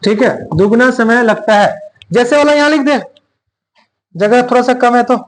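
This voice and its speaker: A male teacher giving a grammar lesson, dictating slowly and repeating phrases word by word. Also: very high voice.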